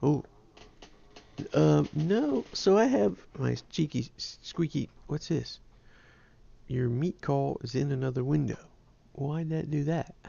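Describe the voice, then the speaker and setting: Nasal, gravelly-voiced man. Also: a little high, expressive, slow pace, warm tone, lo-fi sound. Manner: rambling, self-deprecating. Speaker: ham radio livestream host. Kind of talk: casual chat.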